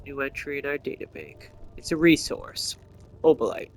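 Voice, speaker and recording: With faint game music behind him, a gameplay streamer offers casual, off-the-cuff commentary, thinking aloud and muttering to himself as he plays. His medium-pitched voice is expressive and moves at a moderate pace.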